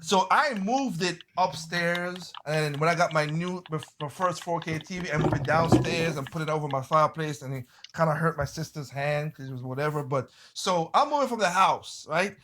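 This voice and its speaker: A man in a casual group chat, telling stories in an animated way, swearing freely and often restarting his phrases. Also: fairly high pitch, moderate pace, hardly any pauses, a little hiss or hum. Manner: animated storyteller, swears freely, exclaims loudly.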